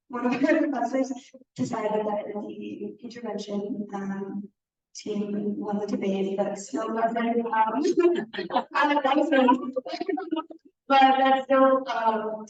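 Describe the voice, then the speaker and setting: A woman's voice: mid-range voice, a little mellow. A young woman from Wisconsin, a student answering audience questions with many hesitant ums. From Madison, Wisconsin. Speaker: student presenter. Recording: roomy, distant, dull recording.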